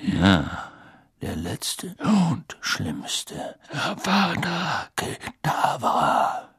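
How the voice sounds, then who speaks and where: A man voicing a grim, menacing old male wizard teacher with slow, low, drawn-out speech in an audiobook reading. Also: huge pitch swings, fairly bright tone, breathy edge, dry recording, studio quality, heavily acted. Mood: grim, hushed.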